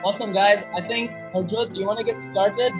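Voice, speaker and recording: Raised in Kenya, this young man hosts a casual online coding workshop over a video call, sounding upbeat and chatty with plenty of fillers and a habit of repeating "awesome." His voice sits high and steady, and he talks a little fast over music.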